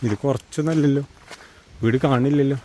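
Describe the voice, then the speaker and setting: A man's voice: mid-range voice, fairly quick, mellow. A man with a Kerala Malayalam accent gives a casual, chatty walking tour outdoors, mixing English slang words into his Malayalam. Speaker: vlogger giving a walking tour. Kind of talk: casual chatty walk-and-talk narration. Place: outdoors in hilly countryside. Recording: outdoor rural recording with clear background noise.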